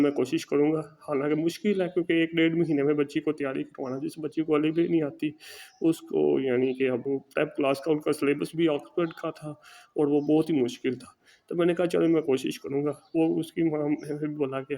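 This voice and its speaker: Pakistani man, home tutor, casual earnest storytelling, gravelly and dark-toned. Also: on the high side. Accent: Pakistani Urdu. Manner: earnest, repeats "ٹھیک ہے" as a tag.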